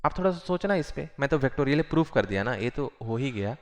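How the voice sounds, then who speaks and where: A male physics teacher giving a classroom lecture, repeating phrases slowly and mixing Hindi with English. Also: mid-range voice, animated.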